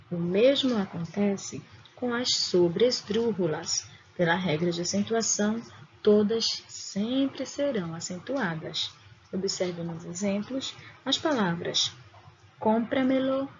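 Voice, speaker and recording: A woman from Brazil, a Spanish teacher, giving a recorded grammar lesson with slow, careful explanations and examples. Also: mid-range voice, a little mellow. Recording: dull lo-fi recording with faint noise.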